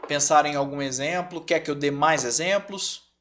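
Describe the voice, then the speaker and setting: A Brazilian man teaching a grammar class online, lively and often checking in with his students. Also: a little high, moderate pace, a little hiss or hum. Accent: Brazilian Portuguese.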